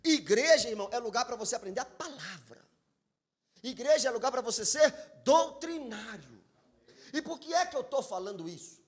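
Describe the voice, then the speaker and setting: High-voiced Brazilian pastor preaching. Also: male voice, lively intonation, moderate pace, breathy edge. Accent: Brazilian Portuguese. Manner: emphatic preaching, addressing the congregation directly. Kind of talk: sermon. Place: church sanctuary.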